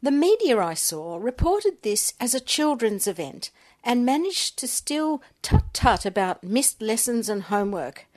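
Measured woman reporter narrating. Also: fairly high pitch, sing-song, a little mellow. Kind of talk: scripted narration.

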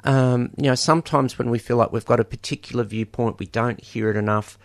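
A man hosting a fundraising hour on community radio. His voice has a gravelly, creaky texture. He rambles warmly through thank-yous, piling on ums and little jokes. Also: medium pitch, fairly even intonation, a little fast. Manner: rambling, many ums, jokey asides. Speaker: radio show presenter. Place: radio studio. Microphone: studio microphone.

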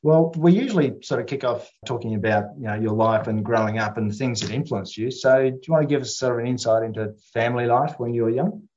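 An Australian man with a mid-pitched voice hosts a community radio interview. He speaks plainly and informally, with some hesitation. The audio is a little dull and lo-fi. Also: fast talker, hardly any pauses, a little mellow.

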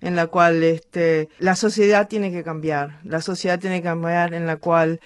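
An older woman from Argentina, a radio guest speaking in a firm, measured way. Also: on the low side, steady tone, clear, resonant tone, dry recording, studio quality.

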